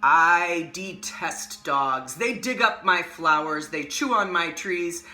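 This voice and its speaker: A woman voicing a menacing old male magician in a picture book, with a slow, growling, imposing delivery. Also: lowish voice, lively intonation, sharp tone, roomy sound, heavily acted.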